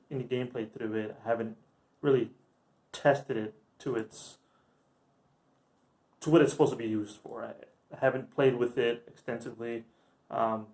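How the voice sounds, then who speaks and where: A young man with an average-pitched voice talks to the camera in a casual review style. He is informal and slangy, with an enthusiastic manner, like a hobbyist vlogger speaking off the cuff. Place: backyard outdoors, later a room indoors.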